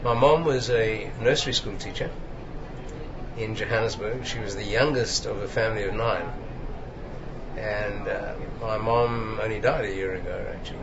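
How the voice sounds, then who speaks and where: Older guy, lowish voice, muffled hissy recording, lots of ums. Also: fairly even intonation, moderate pace. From Zambia. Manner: thoughtful, hesitant, with many fillers. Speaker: cardiologist guest. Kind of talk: reflective conversational interview. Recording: dull, noisy conference recording.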